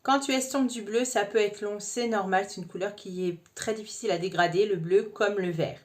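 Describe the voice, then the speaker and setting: A woman's voice: medium pitch, fairly quick. A woman talking the viewer through a makeup tutorial in a chatty, informal way. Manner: chatty, addresses viewer informally with frequent "hein". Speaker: makeup vlogger.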